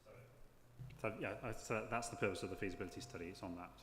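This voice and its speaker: A planning inspector chairs a formal inquiry in a fairly low voice, speaking rapid-fire yet hesitantly, often repeating words as he frames his questions. The hall is echoey, with clear background noise behind him.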